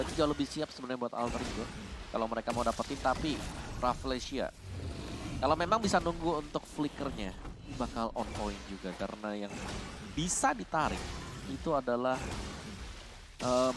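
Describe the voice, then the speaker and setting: A man's voice: mid-range voice, background noise. A man with an Indonesian accent giving analytical live esports commentary, mixing in English gaming jargon. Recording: music playing behind the voice.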